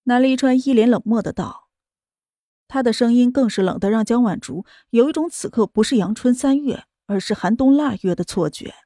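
Female audiobook narrator, warm and high, dry studio sound. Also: normal speed, no room sound. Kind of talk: scripted romance narration.

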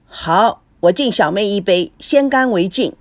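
A woman voices a smooth-talking, flirtatious middle-aged man for a storybook. He wheedles and jokes in a lively, swooping voice, recorded close and dry. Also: mid-range voice, a little slow, no room sound. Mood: flirty, glib. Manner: wheedling and glib.

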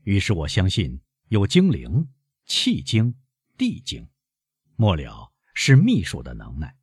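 A man voicing a suave, mysterious nobleman who speaks in a measured, courtly way, in an audiobook of a classic novel. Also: deep voice, huge pitch swings, slightly rough, dry recording, studio quality, full character voice.

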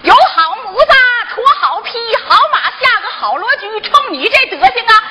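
A brash scolding village aunt. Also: female voice, very high-pitched, big pitch swings, normal speed, very noisy. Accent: Northeast Chinese. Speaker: stage performer. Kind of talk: northeastern folk opera dialogue.

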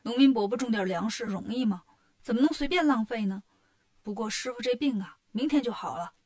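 A woman's voice: on the high side, brisk, darkish tone, lightly acted. A woman voicing a boastful, cheeky male monkey king who talks brashly and teases. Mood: cocky. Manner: brash, bragging and teasing.

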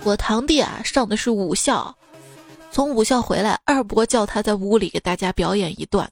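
A young woman hosting a show, telling comic family anecdotes in a playful, chatty way over soft music. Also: mid-range voice, moderate pace, gravelly. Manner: playful, chatty, acts out quoted lines. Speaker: podcast host. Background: faint background music.

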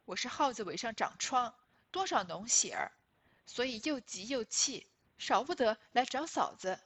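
A woman reads as a shrewd, sharp-tongued young noblewoman who plays the wronged party with pointed, emphatic delivery. Her voice sits fairly high with a breathy, husky edge, and the classical dialogue comes out loud and pressing. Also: sing-song, moderate pace, heavily acted. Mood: aggrieved, scheming. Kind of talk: reading a classic novel aloud.

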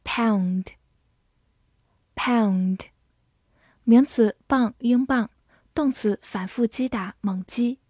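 A woman teaching English vocabulary in a scripted lesson, reading each word twice and then its meanings in an even way. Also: a little high, no room sound, studio quality. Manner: slow, even reading of words and definitions.

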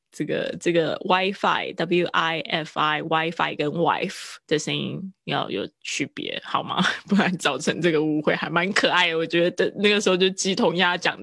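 A woman's voice: lowish voice, gravelly, a bit bright, dry recording, clean studio sound. A woman English teacher, giving a live-streamed lesson in a chatty, patient way with frequent laughter.

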